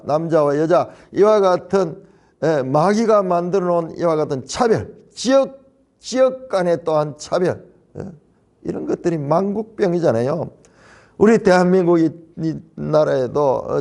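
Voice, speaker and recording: A man's voice: fairly high pitch, vocal fry, warm tone. A man preaching as a pastor in a Bible study sermon, stressing points by repeating key phrases. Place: church.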